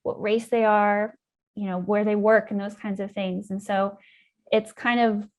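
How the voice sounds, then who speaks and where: A woman talks as an interview guest, telling her story with plenty of ums and you-knows. Her voice sits at an ordinary middle pitch and picks up energy at the key moments. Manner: thoughtful, many ums and you-knows, animated when recounting. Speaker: guest scientist.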